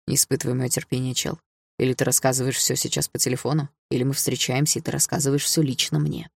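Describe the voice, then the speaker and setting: A man reading an audiobook voices a tough young man speaking in low, clipped menace. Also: little pitch movement, fast talker, vocal fry, husky, dry recording, clean studio sound. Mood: threatening.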